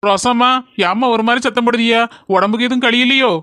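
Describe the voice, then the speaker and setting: A woman's voice: on the high side, fairly even intonation, fast, fairly bright tone, no echo, clean studio sound, lightly acted. Woman voicing a blunt scolding village husband. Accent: southern Tamil Nadu village dialect. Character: grumbling village husband, middle-aged man. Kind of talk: cartoon voice acting.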